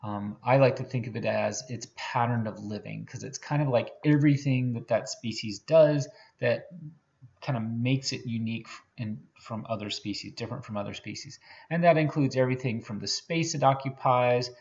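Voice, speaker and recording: Gravelly male lecturer, dull recording. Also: mid-range voice, normal speed, darkish tone. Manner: conversational, many fillers and restarts, frequent "okay?" checks. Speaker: biology professor.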